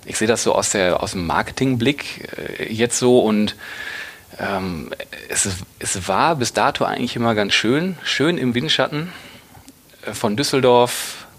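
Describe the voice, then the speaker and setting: A man's voice: mid-range voice, measured pace, fairly bright tone, breathy edge. A man hosting an interview, conversational and chatty, often murmuring agreement. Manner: conversational, frequent affirming murmurs. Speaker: podcast host, interviewer. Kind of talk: casual interview talk.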